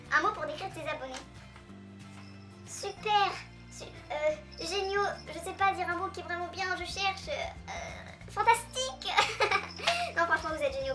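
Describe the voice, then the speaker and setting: A teenage girl chatting casually to camera as a YouTuber answering viewer questions, her voice sped up into a chipmunk sound, upbeat with lots of fillers. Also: sits high. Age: teens. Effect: sped-up playback, chipmunk voice.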